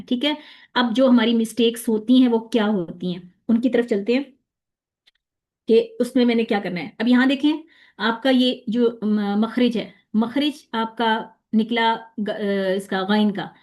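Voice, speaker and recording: A woman's voice, on the high side yet dark in tone, patiently guides an online tajweed lesson. She drills the letter sounds slowly, repeating each one.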